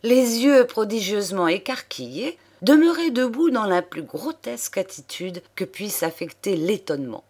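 Casting: woman audiobook narrator, mid pitch, measured and expressive storytelling. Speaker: audiobook reader. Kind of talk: scripted narration of a novel.

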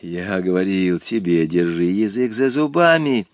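A man doing an earnest, quick schoolboy. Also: on the high side, expressive, no echo, studio quality, voice pushed up. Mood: scolding. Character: quick-witted schoolboy Volka.

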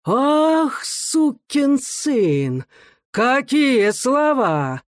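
A man reading aloud voices a shrill, bullying middle-aged police officer in a squealing, sneering voice. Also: sing-song, drawn-out words, a bit bright, husky, no room sound, studio quality, full character voice. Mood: mocking.

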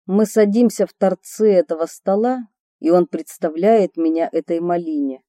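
Woman narrating her memoir, very warm dark voice, wry storytelling, super dry booth. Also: on the low side, moderate pace, no echo. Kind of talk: audiobook memoir reading.

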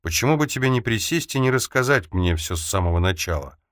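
Man voicing composed middle-aged woman, impassive, deep voice, dry recording. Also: lively intonation, fast, a bit bright, no echo. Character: calm, guarded middle-aged woman with greying hair.

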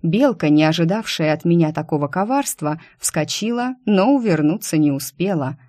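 A woman's voice: fairly low pitch, animated, moderate pace, dark tone, dry recording. Wry woman narrating an audiobook. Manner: wry, dry comic delivery. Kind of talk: scripted first-person story narration.

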